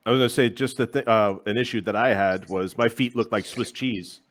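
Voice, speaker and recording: Friendly low-voiced podcast host man. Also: fairly quick. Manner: friendly, chatty, laughs easily. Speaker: podcast host, Marine veteran. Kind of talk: casual interview conversation.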